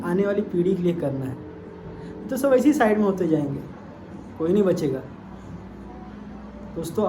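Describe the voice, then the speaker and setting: A man's voice: high-pitched, warm tone, slight background noise. A man giving an earnest opinion monologue, appealing directly to his viewers. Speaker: YouTube commentator. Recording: echoey room with faint ambience.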